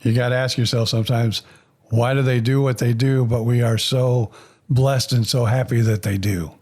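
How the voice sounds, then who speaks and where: A man's voice: mid-range voice, fairly even intonation, normal speed, darkish tone. A man hosting a podcast in casual interview talk, loose and full of uh fillers and restarts. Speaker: podcast host.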